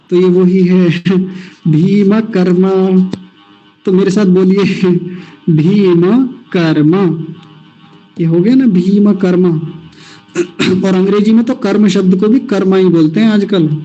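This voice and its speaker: Man, Sanskrit teacher, online class, deliberate syllable drills, highish warm voice, dull lo-fi sound, faint music. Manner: slow, drilling syllables, repeats words for students. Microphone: video call.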